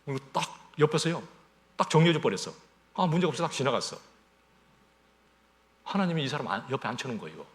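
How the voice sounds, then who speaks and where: A man's voice: mid-range voice, very animated, quick pace, pauses often. A male pastor giving a Sunday sermon in a conversational way, often asking the congregation rhetorical questions and acting out everyday scenes. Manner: acts out everyday scenes in small voices.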